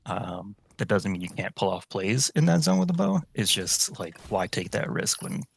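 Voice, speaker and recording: A man answering interview questions in a relaxed, explanatory way with many fillers. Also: lowish voice, moderate pace, vocal fry, slightly rough, no room sound, rough recording. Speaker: guest, competitive game player.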